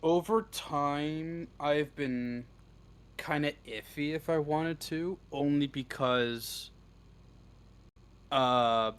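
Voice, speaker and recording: A script writer appearing as an interview guest on a live online voice stream chats casually, blunt and informal, swearing freely. His voice is a little high, a bit bright, and smooth, and he speaks very slowly.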